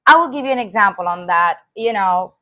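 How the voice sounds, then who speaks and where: A woman at a middle pitch gives an informal lecture on parenting. She speaks earnestly and with emphasis, and her voice rises when she acts out the phrases parents use. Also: expressive, a little fast, no echo, highs cut off. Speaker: early childhood educator.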